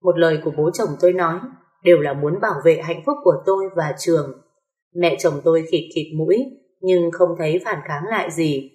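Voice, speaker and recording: Low-voiced woman telling a story. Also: fairly even intonation, a little fast, a little mellow. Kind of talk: first-person story narration. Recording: echoey room.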